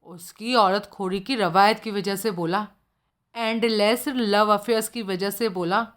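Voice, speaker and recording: A woman's voice: medium pitch, steady tone, unhurried, close to an everyday voice. A woman voicing a blunt, streetwise middle-aged male informant who tells gossip in slangy speech. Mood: gossipy.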